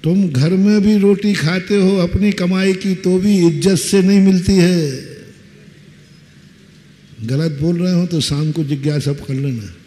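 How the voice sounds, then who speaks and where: A man giving a sermon as a Jain monk, telling stories slowly and acting out quoted speech. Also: high voice. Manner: slow, lively storytelling with acted quotes. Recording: long reverb, faint ambience.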